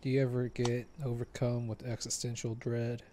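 A man's voice: medium pitch, completely flat delivery, normal speed, mellow. A man playing a video game, bantering casually in a joking, mock-philosophical way. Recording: gunfire noise behind voice chat. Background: game gunfire.

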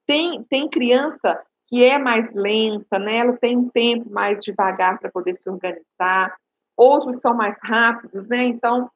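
A woman's voice: a little high, dull audio. A woman with a Brazilian Portuguese accent gives parenting advice on a live stream, talks straight to viewers and often asks "né?" or "sabe?". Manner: reads out viewer comments and answers them.

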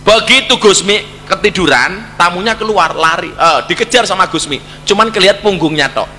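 A man's voice: sits high, fairly quick, bright, forceful tone, big-room sound, slight background noise. A middle-aged man with a Javanese accent giving a humorous religious talk, joking and teasing with Javanese asides. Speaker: preacher.

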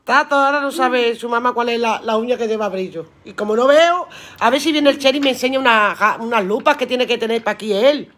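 A woman's voice: on the high side, brisk, a bit bright. Brief: woman, live-stream seller, chatty and earthy, swears casually, laughs a lot. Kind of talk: casual live-stream chat reading viewer comments aloud.

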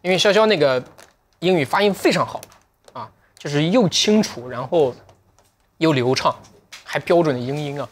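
A man hosting a livestream, chatting casually in a reflective, joking way, sometimes switching to slow, careful English. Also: a little high, expressive. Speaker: livestream sales host.

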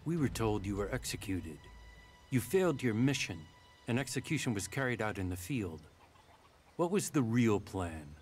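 A man's voice: lowish voice, sing-song, normal speed, darkish tone, soft background music. A man voicing a suspicious male guard who questions an old comrade in a wary, mocking way.

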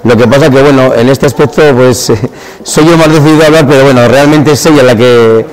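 A man's voice: medium pitch, brisk, low-quality recording. A man in his forties, a shop owner, talking readily in an interview at his stand and tripping over words now and then. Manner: talkative, stumbles on words. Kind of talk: on-camera interview. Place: exhibitor stand in a hotel hall.

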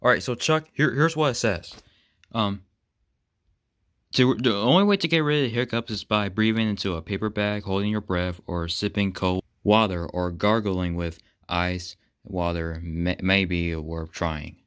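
A man voicing a fussy male cartoon bird in a plush puppet skit, halting and repeating his words. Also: low voice, a bit bright, clean tone, no echo, clean studio sound. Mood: explaining.

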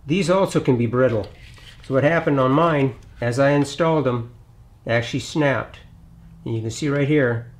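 A middle-aged man hosting a hands-on repair tutorial in his home garage, talking in a relaxed, plainspoken way as he works on an engine bay. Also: medium pitch. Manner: relaxed, plainspoken, thinks aloud while working. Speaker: DIY auto repair channel host.

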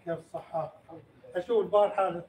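A man's voice: high-pitched, steady tone, fast, a little mellow. A man joining a live stream as a guest, trading polite greetings on a call. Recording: distant roomy call audio with faint background noise.

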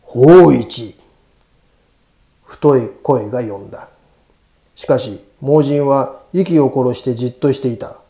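A man narrating a scripted ghost story in a hushed, creepy, deliberate storytelling manner. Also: medium pitch.

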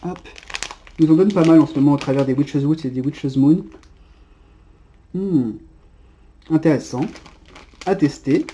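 A man giving a casual unboxing narration in an unhurried, chatty way, often pausing on little "hop" sounds and hesitations. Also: fairly high pitch, warm tone, a little hiss or hum. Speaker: unboxing presenter.

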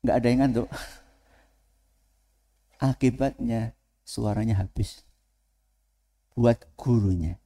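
A man preaching to students in a lively way, asking the audience questions and then answering them himself. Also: medium pitch, slow, long pauses. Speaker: Islamic preacher. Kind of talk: lecture to students. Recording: long hall reverb.

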